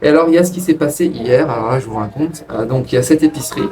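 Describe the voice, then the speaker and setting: A man casually telling a personal story to his viewers in a rambling way, with frequent restarts. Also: very fast. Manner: rambling, restarts, lively pitch jumps. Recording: distant from the mic with faint ambient noise.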